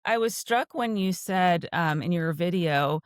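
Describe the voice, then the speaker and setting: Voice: mid-range voice, lively intonation, measured pace, smooth, dry recording, studio quality. A podcast co-host asking earnest questions in a casual conversation and humming agreement often. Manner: earnest, frequent affirming hums.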